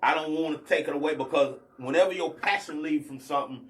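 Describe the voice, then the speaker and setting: A man's voice: on the high side, fast talker. A man, a guest R&B artist talking in a loose, rambling way, often stopping to check in with the listener. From Athens, Georgia, US. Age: 40s. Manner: rambling, peppers talk with "you know what I'm saying". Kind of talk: casual podcast conversation.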